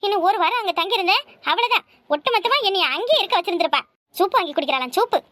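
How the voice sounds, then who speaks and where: A woman voicing a sharp-tongued, grumbling young wife in a cartoon, with a Kanyakumari Tamil accent. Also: very high voice, animated, very fast, no echo, clean studio sound. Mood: sarcastic. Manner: sarcastic, grumbling. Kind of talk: cartoon voice acting.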